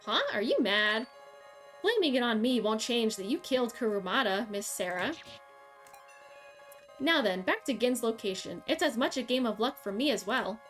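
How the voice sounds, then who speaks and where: A smug, cruel young woman from a game taunts calmly, read aloud by a woman streamer. The voice sits a little high, with faint music behind it. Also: moderate pace. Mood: taunting. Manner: calm, taunting. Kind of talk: reading game dialogue aloud.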